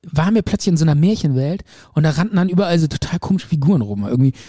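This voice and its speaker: A man's voice: a little high, rapid-fire, dry recording, studio quality. A man casually telling a long story on a podcast, rambling and acting out the quotes. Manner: animated, rambling, acts out quotes. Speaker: podcast co-host.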